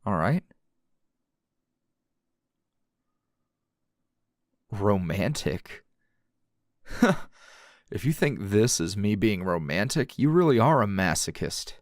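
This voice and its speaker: A man speaks low-key and conversationally, with a halting rhythm, as he plays a teasing, dry, calm coworker and hero in an intimate ASMR roleplay. There's no room sound.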